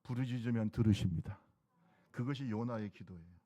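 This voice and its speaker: A man's voice: fairly low pitch, brisk, mellow. A middle-aged man preaching a sermon as pastor, exhorting the congregation with repeated calls.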